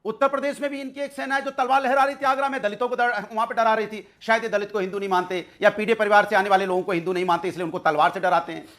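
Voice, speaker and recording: A man's voice: sits high, fairly even intonation, racing, few pauses, a bit bright. A man arguing as a panelist in a heated TV debate, emphatic and repeating his points. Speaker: political panelist.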